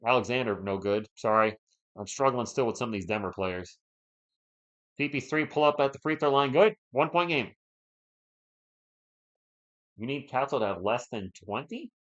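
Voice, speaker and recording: This man's medium-pitched voice is expressive and a bit bright, moving at a moderate pace with long pauses. Sore-throated and losing his voice, he gives laid-back live play-by-play of a basketball game while reading and replying to viewer chat between plays. The recording is dull, lo-fi stream audio.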